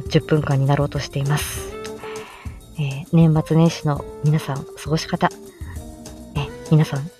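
Hosting a stream, a woman rambles casually to her listeners in a low, dark-toned voice. She's giggly and self-deprecating, often laughing at herself.

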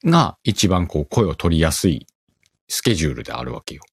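A middle-aged man with a Kansai accent hosts a casual solo chat. His voice sits very low, yet he swings it up and down as he rambles through an animated story. The recording is close and dry, with no room sound. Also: brisk, gravelly, husky, no room sound. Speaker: podcast host.

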